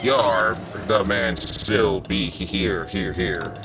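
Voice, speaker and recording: A man's voice: sits low, slow pace. A man voicing a broken robotic pirate fox that stutters and crackles with static. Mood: glitching, grave.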